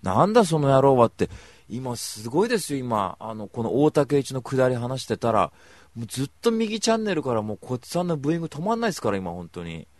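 A man hosting a radio show, telling rambling stories to listeners with emphatic, animated delivery on a studio mic. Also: medium pitch, fast talker, no room sound. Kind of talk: casual solo radio talk.

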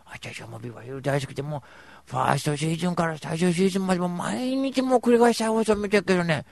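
A man doing an excitable, gushing friend who talks in a campy, feminine manner, pitched well above his own voice and rising into bright, emphatic bursts. The gravelly edge of his voice still shows through, and the sound is dry and close. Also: fast talker, dry recording. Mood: excited.

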